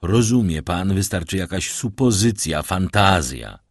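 A man's voice: sits low, expressive, unhurried, no room sound, studio quality, exaggerated voice. A man voicing an uneasy middle-aged prosecutor who speaks stiffly.

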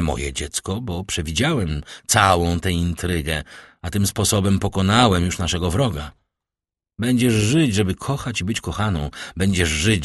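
A man's voice: low voice, dry recording, clean studio sound. A man reading aloud as a grave, fatherly nobleman, speaking in a solemn, reassuring way.

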